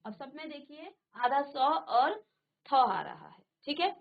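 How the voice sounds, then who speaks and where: Woman teacher, middle-aged, slow and repetitive classroom delivery, muffled studio recording. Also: sits high, big pitch swings, vocal fry. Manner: slow, repeats each word and asks the class. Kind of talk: classroom lesson.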